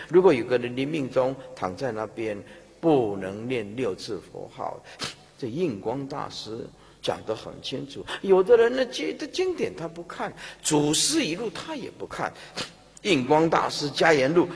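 Husky, lively preacher. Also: male voice, mid-range voice. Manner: animated storytelling, acts out scenes, laughs. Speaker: Buddhist dharma teacher. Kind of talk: sermon. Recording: long hall reverb.

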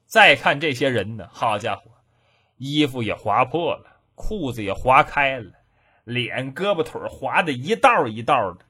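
Guy doing old-school comic storytelling, husky, really animated and dramatic. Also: mid-range voice, a little slow. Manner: lively, dramatic, rhythmic.

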